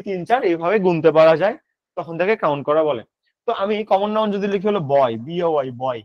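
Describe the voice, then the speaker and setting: Fast-talking high-voiced male tutor. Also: dry recording. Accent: Bangladeshi. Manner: drilling with quick questions he answers himself. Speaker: English tutor. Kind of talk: online admission-prep grammar lesson. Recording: slightly dull lo-fi audio.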